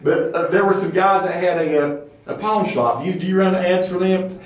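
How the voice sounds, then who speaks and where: A man's voice: high voice, a little fast, far from the mic. A man with a Southern Appalachian accent chatting as an interviewer in a folksy, rambling way. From southern Appalachian United States. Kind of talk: casual conversational interview. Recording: very echoey room, off mic.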